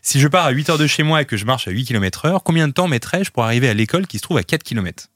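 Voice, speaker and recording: Young man, quiz host, bright voice, quick and animated, teasing, dry sound. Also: medium pitch, no room sound. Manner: teasing, lively. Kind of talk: playful quiz hosting.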